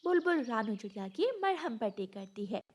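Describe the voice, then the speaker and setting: A woman narrating a children's cartoon story in an expressive, scripted way. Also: on the high side, moderate pace.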